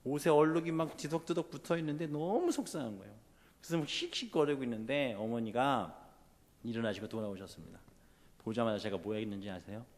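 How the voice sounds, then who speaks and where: A man's voice: mid-range voice, quick pace, a little mellow. A man preaching a sermon, telling a childhood story and then building to fervent emphasis. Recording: long hall reverb.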